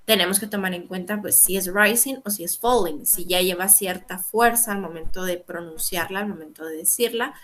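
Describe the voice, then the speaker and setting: A woman's voice: fairly low pitch, moderate pace, few pauses, a bit bright. A woman teaching an English grammar lesson, explaining patiently and checking in with "¿verdad?" again and again. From Guatemala. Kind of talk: online lecture explaining grammar.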